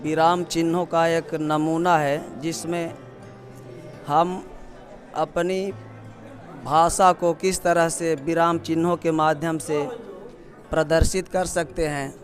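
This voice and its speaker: A man, a school teacher, explaining his teaching aid at an outdoor fair, slowly and with worked examples. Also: a little high, flat delivery, soft background music. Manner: slow, measured, explains with examples.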